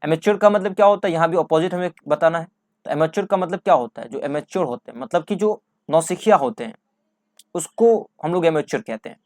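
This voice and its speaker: A male English teacher with a fairly high voice talks fast as he goes through exam vocabulary, repeating key words and asking questions only to answer them himself. There is no echo on the recording.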